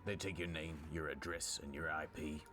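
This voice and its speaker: A man's voice: extremely low pitch, steady tone, moderate pace. A man delivering comedic scripted narration in a theatrical, mock-serious, punchy way. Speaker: video narrator and ad presenter.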